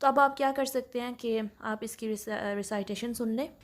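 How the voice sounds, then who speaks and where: A woman's voice: on the high side, fairly even intonation, moderate pace. A woman teaching a step-by-step recitation lesson in Urdu with English terms mixed in, explaining patiently and checking in often. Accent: Pakistani Urdu. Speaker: tajweed teacher.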